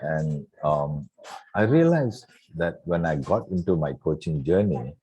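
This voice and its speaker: A man in his sixties from Singapore, a retired coach reflecting in an interview with many soft fillers. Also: a bass voice, sing-song, a little slow, highs cut off. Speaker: guest coach. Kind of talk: relaxed interview conversation.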